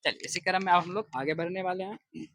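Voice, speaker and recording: A man teaching Urdu grammar as a class-style lesson. He asks himself questions, answers them, repeats the key terms and draws words out slowly as he writes them. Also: sits high, steady tone, a bit bright, no room sound. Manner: slow, drawn-out stress on terms while writing.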